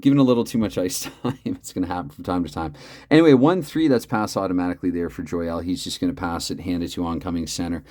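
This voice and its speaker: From home, a man with a low, naturally loud voice narrates a tabletop hockey replay while holding his volume back. He shifts between mock arena play-by-play and chatty muttering as he thinks aloud over the dice math. There's slight background noise.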